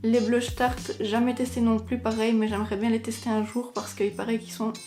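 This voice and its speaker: A woman's voice: a little high, level tone, normal speed, dark tone, faint music behind. A young woman, chatting casually as a beauty vlogger and filling her talk with little fillers. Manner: chatty, many fillers like "donc" and "ben". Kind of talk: casual chat.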